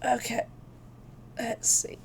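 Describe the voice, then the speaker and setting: A woman's voice: slow pace, slight background noise. Chatty, profane woman hosting a livestream. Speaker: live stream host. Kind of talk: casual livestream chat.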